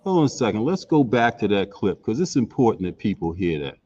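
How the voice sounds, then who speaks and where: Very lively American man, dull lo-fi sound. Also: fairly low pitch, brisk. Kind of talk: casual opinionated talk.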